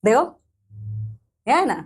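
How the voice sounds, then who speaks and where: A young woman with an Indian accent teaching an English textbook lesson, mixing Hindi and English, reading sentences out slowly and checking in often. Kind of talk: classroom lesson explanation.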